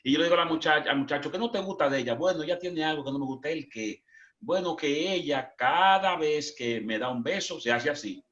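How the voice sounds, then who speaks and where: A Dominican preacher, a man with a slightly high voice, tells stories with animated energy. He jumps into excited, raised voices whenever he quotes someone. The sound is dull and lo-fi. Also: a little fast. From Dominican Republic. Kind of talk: animated storytelling. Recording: lo-fi muffled.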